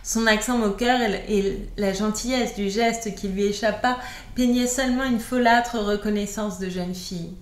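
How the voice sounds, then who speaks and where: A woman reading a classic novel aloud in a measured, even storytelling voice. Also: medium pitch. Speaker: audiobook reader. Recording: roomy echo.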